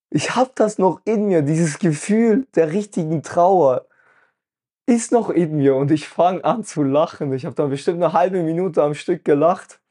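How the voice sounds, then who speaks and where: A man's voice: sits high, mellow, slightly rough. A man hosting a podcast, telling a personal story in an earnest, emotional way and often checking in with his listener. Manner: earnest, emotional, full of "weißt du" fillers. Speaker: podcast host.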